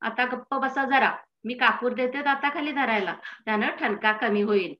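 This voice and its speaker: A woman's voice: fairly high pitch, normal speed, lo-fi sound, close to an everyday voice. A woman reading aloud the lines of a practical wife who scolds her husband, in a nagging tone, in a textbook reading. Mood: scolding. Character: scolding, practical wife worried about neighbours.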